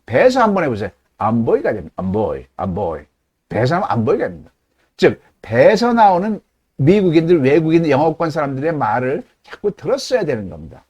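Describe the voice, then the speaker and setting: A man's voice: fairly high pitch, big pitch swings, fairly quick, darkish tone, slightly rough. A middle-aged man teaching an English lesson, emphatic and asking the audience rhetorical questions. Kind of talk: lecture.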